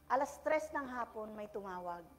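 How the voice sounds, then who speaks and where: A woman preacher giving a lively sermon in church, mixing in English and asking the congregation for an amen. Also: on the high side, normal speed. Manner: animated, switches between Tagalog and English, asks the congregation "Amen?".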